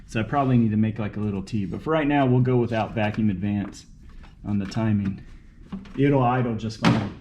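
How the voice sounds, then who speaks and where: In one uncut recording, a man hosting a home mechanic video mutters casually to himself as he works on a car, with noise around him. He talks fairly quickly in a fairly low, darkish-toned voice.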